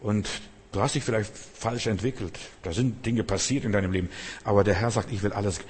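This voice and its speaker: A man's voice: lowish voice, brisk, a little mellow, breathy edge. A male preacher delivering an earnest sermon, exhorting the listener and addressing them directly. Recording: long hall reverb.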